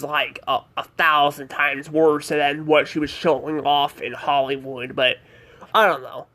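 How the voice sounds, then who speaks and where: A man's voice: fairly high pitch, bright, forceful tone. A man giving a casual spoken review of a cartoon episode, rambling and hesitant, filling gaps with "like" and "I don't know".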